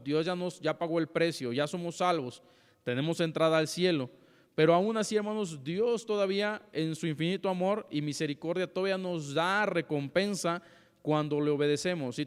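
A young man teaches a church Bible class, talking to his listeners in a conversational way and checking in with them often. His voice is smooth and resonant and sits a little high. It carries the long echo of a big hall. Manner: conversational, often asks "¿sí?" and addresses "hermanos".

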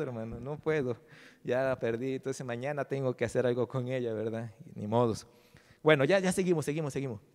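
High-voiced pastor preaching. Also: male voice, a bit bright, big-room sound. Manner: conversational preaching, acts out quoted voices. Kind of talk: sermon.

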